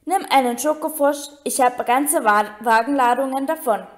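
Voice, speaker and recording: A woman's voice: sits high, moderate pace, close to an everyday voice. Earnest boy wizard, insistent, woman reader, storybook.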